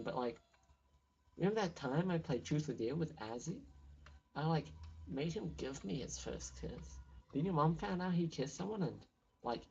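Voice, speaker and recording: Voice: medium pitch, a little mellow, highs cut off, slight background noise, close to an everyday voice. A player reading game dialogue aloud as a snobbish, gossipy teenage girl with a drawling valley-girl manner full of "like".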